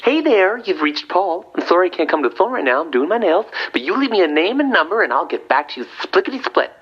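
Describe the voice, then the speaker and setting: A man's voice: sits high, big pitch swings, fast, slightly rough, pitched above the performer's own voice, exaggerated voice. A man voicing a flamboyant, sassy voicemail persona who is busy doing her nails, in a gushing, campy singsong. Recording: muffled phone greeting with faint noise.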